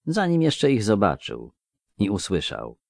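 Low-voiced man reading an audiobook expressively. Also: vocal fry, no room sound, clean studio sound. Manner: expressive, measured. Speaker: narrator.

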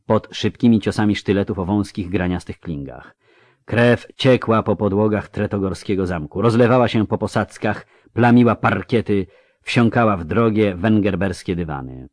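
A man narrating a fantasy audiobook in a measured, dramatic way, slowing down for effect on key phrases. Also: on the low side, a little mellow, no echo, studio quality.

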